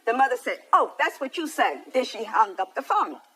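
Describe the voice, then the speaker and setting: Plaintive high-pitched American woman testifying in court. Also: very animated, moderate pace, sharp tone, breathy edge. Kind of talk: animated courtroom storytelling.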